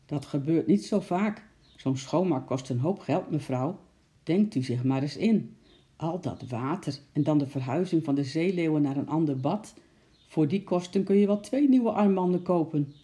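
A storyteller voicing a calm, grumbling older zookeeper who talks practically. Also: medium pitch, moderate pace, lightly acted.

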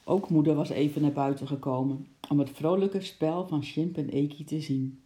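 A woman narrating a children's story in a gentle, expressive way. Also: low-pitched, moderate pace.

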